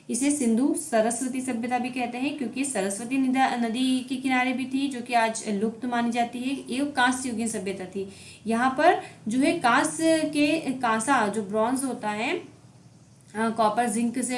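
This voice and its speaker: A woman teacher lectures on history for exam students, her voice sitting somewhat high. She explains step by step and keeps checking that the class is following. The room around her rings with echo. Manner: explanatory, repeats "ठीक है" to check understanding. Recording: echoey room.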